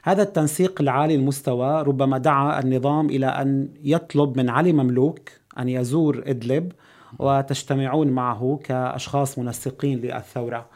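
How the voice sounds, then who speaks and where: Male host, mid-pitched, brisk formal interviewer. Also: fairly even intonation, a little mellow. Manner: polite, formal introducing. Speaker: podcast host. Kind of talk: podcast interview.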